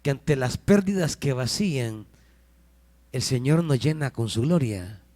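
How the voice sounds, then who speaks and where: A Salvadoran man preaching a sermon at a church service, swinging between shouts and hushed lines. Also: medium pitch, expressive, a little slow. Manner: impassioned preaching, sudden shouts and drops to near-whispers. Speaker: pastor.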